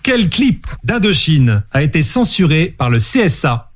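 Man, quiz host, playful and teasing, animated voice, slightly high. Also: a little slow, a little hiss or hum. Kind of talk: hosting a casual online quiz.

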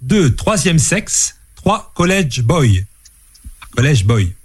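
A man's voice: on the high side, sing-song, takes it slowly, breathy edge. A man hosting a casual online quiz, playful and teasing as he reads out questions and answers. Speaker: quiz host.

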